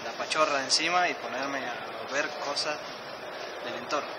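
A young man from Argentina with a Mendoza accent, a conference attendee answering a short vox-pop question slowly and hesitantly. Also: medium pitch. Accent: Mendoza Argentine Spanish. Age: young adult. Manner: slow, hesitant, searching for words. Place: conference venue. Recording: loud outdoor ambient noise.

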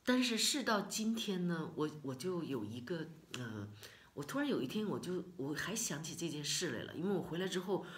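A middle-aged woman from China telling a personal story in a casual vlog, emotional and expressive, with many repeated words and sighs. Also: deep voice, moderate pace. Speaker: vlogger.

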